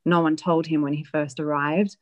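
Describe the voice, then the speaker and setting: Low-voiced woman telling her story. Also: level tone, normal speed, dull audio. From Australia. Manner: reflective, hesitant with frequent fillers. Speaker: interviewee. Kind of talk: personal storytelling interview.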